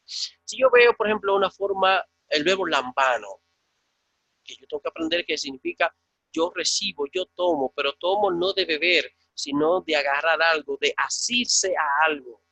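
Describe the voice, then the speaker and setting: A man with a Dominican Spanish accent teaches a Biblical Greek class, his voice high and gravelly. He swings his pitch widely, slowly drilling each word and saying it twice. The sound is dry and close. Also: very animated, pushed and bright, no room sound, lo-fi sound. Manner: slow, repetitive drilling of words. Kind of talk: online class lecture.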